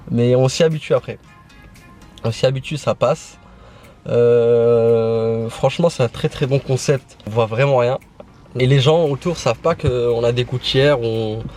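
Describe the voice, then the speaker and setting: A man's voice: mid-range voice, dark tone. A man with a slushy lisp on his s sounds, chatting casually to the camera for a vlog.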